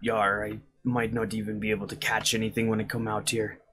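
A man's voice: fairly low pitch, flat delivery, brisk, fairly bright tone, breathy edge, faint music behind. A man streaming a video game, dropping pirate-style yar and arr growls and swearing as he plays. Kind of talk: let's play commentary.

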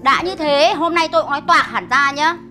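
A haughty, wealthy older mother-in-law in a web drama. Her high voice leaps about and turns shrill and contemptuous when she shouts. Music runs under the scene. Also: lively intonation, moderate pace, roomy sound. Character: arrogant rich older mother-in-law, scornful.

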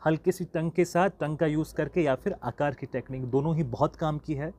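A man's voice: on the high side, fairly even intonation, fairly quick, dark tone. A man teaching a flute lesson in a casual, chatty way, singing the note names aloud as he goes. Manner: chatty and encouraging, sings the notes aloud. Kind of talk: casual online music lesson.

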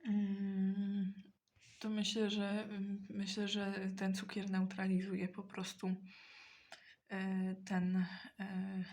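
A woman talking casually in a mukbang while eating, hesitant and often pausing mid-sentence to think. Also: medium pitch, completely flat delivery, a little mellow. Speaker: mukbang vlogger.

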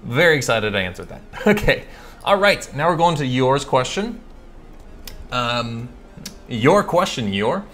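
A man from California hosting a casual live coding stream, chatting and thinking aloud, reading code out slowly with lots of fillers and self-corrections. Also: mid-range voice, sing-song, a bit bright, a little hiss or hum. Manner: reads code aloud slowly while typing. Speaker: livestream host answering coding questions.

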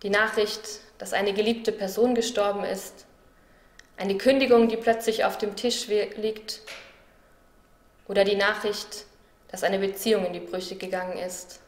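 A woman delivers a devotional reflection in a calm, measured and thoughtful manner. Her voice sits at an ordinary middle pitch. The recording carries a noticeable roomy echo. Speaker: church devotional speaker.

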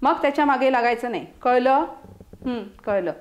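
A woman's voice: high-pitched, moderate pace, muffled recording, natural voice. A woman voicing a stern housewife who scolds the dog and dotes on the cat, in a storybook reading. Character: scolding but doting housewife, cat's owner.

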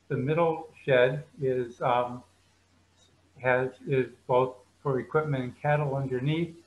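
A man's voice: mid-range voice, highs cut off, slight background noise. A man guiding viewers through a slideshow tour of a museum building, explaining at an easy pace with frequent ums.

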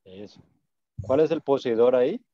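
A man's voice: medium pitch, moderate pace, dry recording, muffled recording. A man teaching an online Spanish class, patient and encouraging, repeating words so students can drill them.

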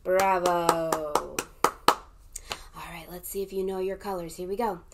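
A young woman acting as a children's librarian leads a storytime read-aloud, animated, gasping for effect and repeatedly inviting the listener to join in. Her pitch is medium and her pace measured.

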